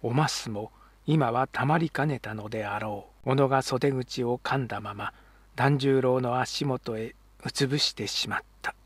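A man narrating historical fiction as an audiobook reader, in a calm, measured way. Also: medium pitch, husky, dry recording.

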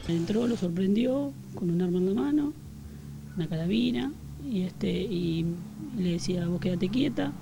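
A woman with an Argentine Rioplatense accent, recounting a family tragedy in an interview, with halting speech and many fillers. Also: on the low side, lively intonation, vocal fry, music in the background, poor audio. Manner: halting, filler-heavy retelling. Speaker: victim's relative giving testimony.

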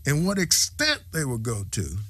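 Animated older man telling stories. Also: moderate pace, breathy edge, no room sound. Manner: lively, emphatic, acts out quotes with big pitch swings. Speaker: former football player interviewee. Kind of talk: animated storytelling interview.

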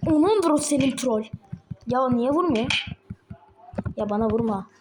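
High-voiced excitable young woman gamer. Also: measured pace, noisy background. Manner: excitable, chatty, addresses viewers directly. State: sore throat, a bit ill. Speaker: gaming channel host. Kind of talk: casual gameplay commentary. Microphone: tablet microphone.

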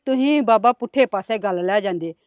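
A woman's voice: mid-range voice, a little fast, dry recording, lo-fi sound, natural voice. A woman playing a patient middle-aged mother.

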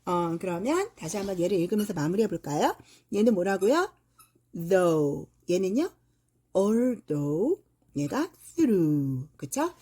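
A woman's voice: medium pitch, big pitch swings, brisk, dark tone, husky. A middle-aged woman teaching English pronunciation, explaining patiently and drawing out her example words. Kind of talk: pronunciation lesson.

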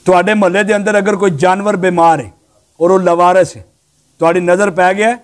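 A male preacher giving a sermon to a gathering, telling stories animatedly and swinging between loud exhortation and low, hushed asides. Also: fairly even intonation, a little fast.

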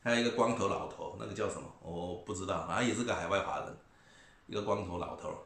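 A man's voice: sits low, fast, creaky, fairly bright tone. A middle-aged man ranting in a casual vlog, mocking and scornful, repeating himself and chuckling. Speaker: vlogger commentator. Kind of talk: casual rant to camera. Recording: echoey room.

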